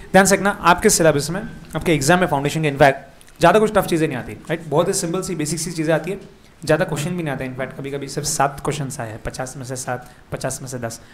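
A fairly high-pitched man with an Indian accent leads an exam revision class. He repeats the key terms and keeps asking his students quick questions, over a faint ambient hiss. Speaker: teacher.

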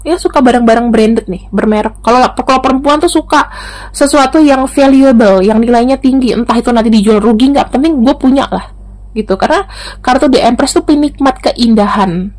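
A woman's voice: a little high, brisk, darkish tone. A woman doing a casual tarot reading, chatting directly to the viewer as she turns the cards. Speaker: tarot reader.

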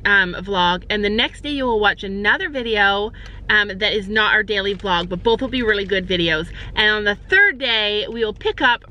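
A woman's voice: fairly high pitch, bright, forceful tone, low-quality recording. A woman in her forties talking casually to viewers from a car, filmed on a phone held at arm's length. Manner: chatty, addresses viewers directly. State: out of breath on the hill. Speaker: family vlogger. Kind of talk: casual vlog talk to camera. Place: inside a car, and outdoors on a farm field.

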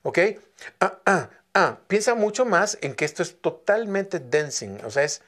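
A man's voice: high voice, very animated, measured pace, a bit bright. A man working as a singing teacher, giving feedback in a vocal coaching session and repeating instructions insistently.

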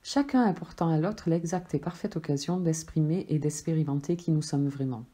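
A woman voicing a gentle, loving soul that speaks softly and patiently. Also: low voice, brisk. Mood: tender. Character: gentle, loving friendly soul, calm and tender.

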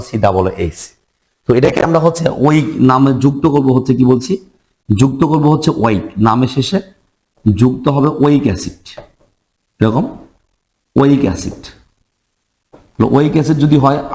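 A male chemistry teacher gives a patient lesson in a voice of ordinary middle pitch. He keeps asking his students questions and then answers them himself. He repeats each important term so that it sinks in. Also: a little mellow. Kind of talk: classroom lecture.

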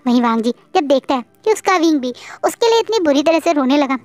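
A woman's voice: high voice, animated, quick pace, darkish tone, no room sound. A woman narrating fan fiction in a dramatic, emotional storytelling manner. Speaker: fanfiction narrator.

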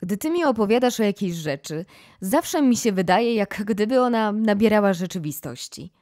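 A woman reading an audiobook, voicing a curious, excitable young girl who talks eagerly and wide-eyed. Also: medium pitch, normal speed, no room sound, studio quality, close to an everyday voice.

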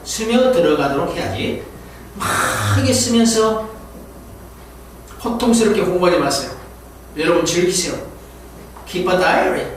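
Lively man teaching English pronunciation. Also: sits high, distant mic. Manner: lively, repeats words slowly for students to copy. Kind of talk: classroom lecture with pronunciation drills. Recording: echoey room, voice from afar, faint hiss.

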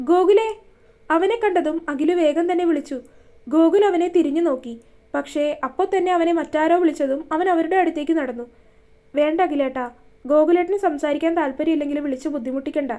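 High-voiced woman narrating a romance. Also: a little mellow. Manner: reads all characters' dialogue in her own voice. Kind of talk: romance story reading.

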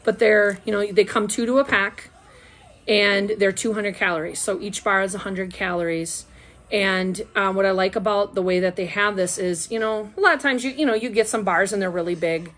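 Her tone stays steady and fairly bright, at medium pitch and a moderate pace, as this middle-aged woman talks through a casual product review. She's recorded at a table in a small room at home, the camera placed a short way off across the table.

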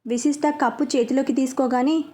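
A woman narrating a serialized romance story in an expressive storytelling manner. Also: high-pitched, brisk.

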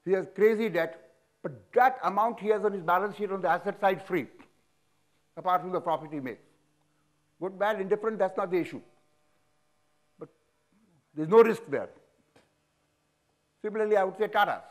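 A high-pitched man in his seventies with an Indian English accent talks at a moderate pace, leaving long pauses. He's a business leader appearing as a guest in an on-stage interview in an auditorium, recorded on a lapel mic. He speaks frankly and animatedly, chuckling and making sweeping hand gestures.

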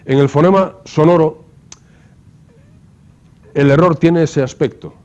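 A man lectures to his class in a mellow, dark voice, walking through the material step by step. He keeps checking in with rhetorical questions. The recording is muffled and lo-fi. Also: fairly high pitch, steady tone, measured pace. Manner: explanatory, asks rhetorical questions with frequent tag "¿no?". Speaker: university lecturer.

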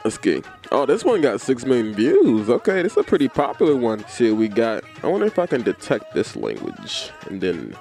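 Animated joking male YouTuber. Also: mid-range voice, brisk, gravelly, few pauses, faint music behind. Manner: animated, joking, rambling, swears. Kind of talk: comedic vlog.

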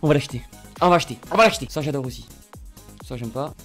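A young man commenting on a video game, excitable and swearing, jumping from quiet mutters to shouts. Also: medium pitch, racing, faint music behind. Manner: swears casually, repeats himself. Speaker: gaming streamer.

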